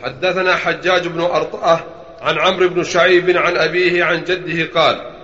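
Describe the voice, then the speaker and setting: قارئ بصوت عالٍ حاد في قاعة ذات صدى. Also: male voice, fairly high pitch, fairly even intonation, sharp tone. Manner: brisk formal recitation with some stumbles. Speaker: student reading a text aloud. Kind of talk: reading hadith chains aloud. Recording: echoey room, dull lo-fi recording.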